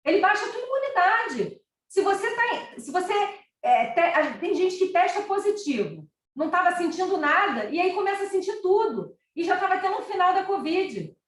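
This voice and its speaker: A woman's voice: very high-pitched, sing-song, moderate pace. A middle-aged woman with a Carioca accent giving an informal spiritual talk, telling everyday anecdotes in a conversational way. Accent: Carioca Portuguese. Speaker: spiritual speaker. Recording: roomy sound, distant mic.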